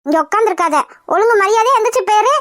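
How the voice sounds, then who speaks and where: A woman's voice: very high-pitched, lively intonation, racing. A woman voicing a hurt, stubborn young pregnant wife in a cartoon, sulky and defiant. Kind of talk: cartoon voice acting.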